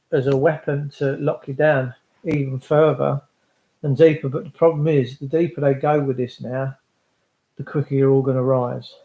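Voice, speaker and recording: A man's voice: mid-range voice, mellow. Emphatic English man in an echoey room. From England. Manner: emphatic, repeats phrases for weight. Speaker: livestream host addressing followers. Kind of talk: impassioned political monologue to livestream viewers.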